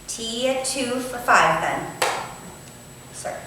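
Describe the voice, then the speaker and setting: Recorded from a distance in a very echoey hall with faint noise, a woman performs a staged reading as a young Victorian housemaid, kindly, chatty and deferential in a homely manner. Her voice is on the high side and animated, delivered at a slow pace, in an indoor theatre space.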